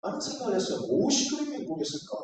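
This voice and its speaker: A man's voice: very high voice, big pitch swings, rapid-fire, a little mellow, recorded from a distance, a little hiss or hum. A male pastor preaching a sermon with earnest storytelling that builds to emphatic appeals. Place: church sanctuary. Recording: echoey church hall from afar, faint ambience.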